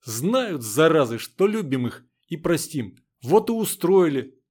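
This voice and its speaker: A man reading the part of a fierce young woman who shouts and swears through tears. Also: on the high side, sing-song, measured pace, pitched above the performer's own voice. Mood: exasperated. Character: fierce tough young woman, crying and cursing.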